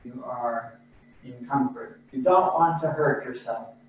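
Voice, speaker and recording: Guy teaching qigong over a video call, really slow calm breathing cues, sounds distant and echoey, kinda muffled with faint hiss. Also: mid-range voice. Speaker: qigong instructor. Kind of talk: guided exercise class.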